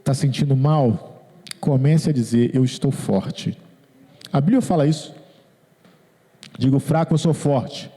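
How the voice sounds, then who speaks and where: A man's voice: mid-range voice, a little slow, pauses often, warm tone. A man, preaching a sermon as pastor, earnest and repeating his phrases, quoting people in their own words. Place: church hall. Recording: long hall reverb.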